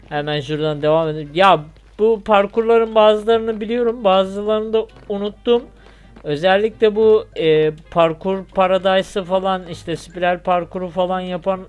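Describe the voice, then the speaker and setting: A man's voice: a little high, smooth. A young man from Turkey, with a Turkish accent, chatting casually and joking as he plays through a parkour game for his channel. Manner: chatty, joking, yelps when he falls. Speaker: gaming YouTuber. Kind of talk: casual gameplay commentary.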